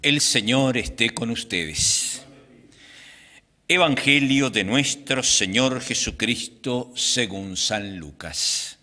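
A priest in his sixties speaks at a standing microphone in a small chapel. His tone is bright and forward, and he takes the text very slowly and deliberately. His voice carries a long reverberant tail around the room. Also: medium pitch. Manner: slow, deliberate liturgical delivery. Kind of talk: reading the Gospel and preaching at Mass. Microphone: microphone on a stand in front of him.

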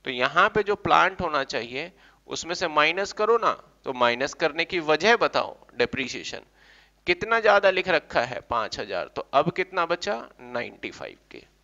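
A male commerce teacher giving a classroom lecture, coaxing and teasing his students with quick questions. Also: fairly high pitch, very animated, creaky, bright, forceful tone. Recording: dull lo-fi recording.

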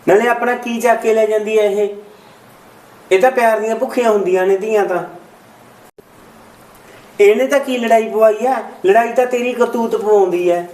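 A man's voice: high-pitched, fairly even intonation, moderate pace, pauses often, darkish tone, natural voice, poor audio. An actor playing a protective brother who takes his sister's side against his wife. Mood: reproachful. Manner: insistent, reproachful. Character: protective brother, firm and indignant. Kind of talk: amateur short-film acting.

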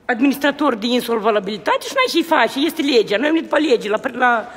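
A man's voice: extremely high pitch, sing-song, fairly bright tone. A man, filming on a phone at a government building entrance and repeating his complaints with indignation. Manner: indignant, repetitive, exclaiming. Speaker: protesting citizen filming. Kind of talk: heated complaint to camera. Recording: echoey hall, faint ambience.

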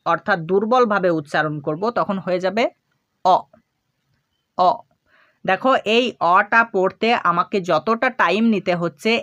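A woman gives a patient phonics lesson for young children. She pauses on example sounds and repeats them one by one, at an everyday middle pitch. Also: fairly bright tone. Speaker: English teacher. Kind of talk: instructional explanation to children.

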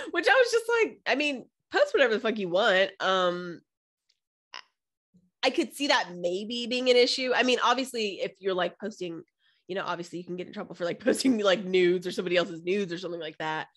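A woman's voice: mid-range voice, animated, a little fast, a bit bright. A woman co-hosting a podcast in casual chat, talking frankly and laughing often, with plenty of "you know" and "like" fillers. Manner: frank, giggly, heavy use of "you know" and "like". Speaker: podcast co-host.

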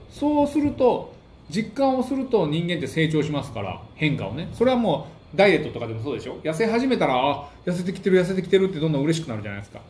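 A man's voice: a little high, a little mellow. Kansai guy, comedian doing a casual storytelling monologue, acts out the quotes, echoey room. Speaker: comedian and book-review host. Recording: echoey room with faint hiss.

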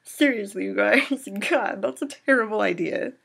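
A young woman playing a text game, giving casual let's play commentary with expressive, laughing reactions and mild swearing. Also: medium pitch, normal speed, creaky. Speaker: game streamer.

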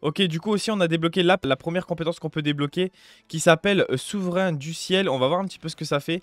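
A man's voice: a little high, quick pace, fairly bright tone, no room sound. A young man giving casual, upbeat gameplay commentary, chatty and full of fillers, as a gaming youtuber at home on a close desk mic.

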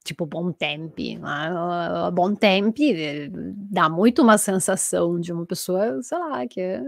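A woman in her thirties from Italy teaches a live online language class from a small room at home, reading out viewers' comments in her Italian accent while staying lively and gesturing a lot. Her voice is fairly low and gravelly, her pace measured, and the earphone headset mic gives a dry, studio-quality sound.

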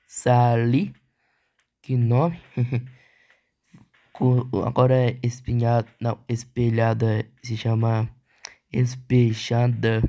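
A Brazilian man casually commenting on a game, musing slowly and often tagging his lines with a questioning "né?". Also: medium pitch, mellow. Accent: Brazilian Portuguese. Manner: slow, musing, with frequent "né?" tags. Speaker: gaming channel host.

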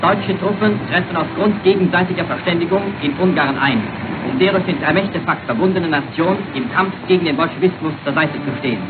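A man announcing in the formal, brisk style of a 1940s wartime newsreel, heard from an old newsreel soundtrack. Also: fairly high pitch. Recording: tinny lo-fi old newsreel with music.

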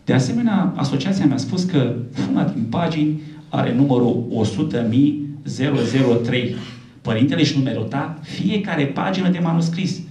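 A priest giving a lively speech at a book launch, telling stories and voicing the people he quotes. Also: medium pitch. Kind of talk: public speech with storytelling. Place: event hall. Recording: echoey room from a distant mic.

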